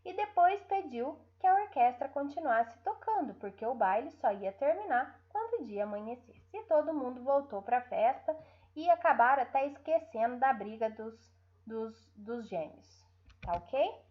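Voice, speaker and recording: A woman's voice: high-pitched, big pitch swings, muffled recording. A woman teacher with a Brazilian Portuguese accent giving an online lesson to young pupils, stretching out syllables and often checking in with her listeners. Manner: drawn-out syllables, frequent checking tags.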